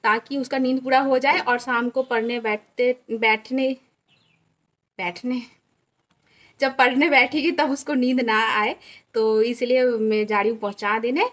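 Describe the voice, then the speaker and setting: A woman's voice: on the high side, steady tone, moderate pace, fairly bright tone. Chatty woman vlogger with a slight lisp. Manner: chatty, explaining to viewers. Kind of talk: casual home vlog chat.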